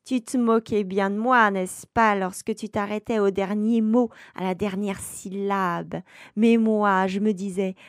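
A woman's voice: mid-range voice, fairly even intonation, unhurried, no room sound, clean studio sound, close to an everyday voice. A woman voicing a spiteful old female witch in a sneering, mocking tone.

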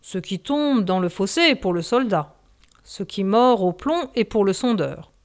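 A woman voicing an old male sea pilot, grave and commanding, who speaks in firm, steady orders. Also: mid-range voice, a little slow.

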